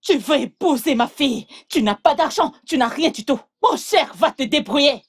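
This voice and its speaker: A woman's voice: sits high, expressive, normal speed. A woman voicing a domineering, scornful mother in a French film dub, mocking and scolding. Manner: mocking and scolding, then hushed and coaxing. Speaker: mother of the bride.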